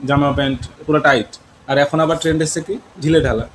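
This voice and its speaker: A man's voice: a little high, fast, background noise. A man teaching an English lesson in Bengali with a West Bengal accent, mixing in English words and questioning his students. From West Bengal, India.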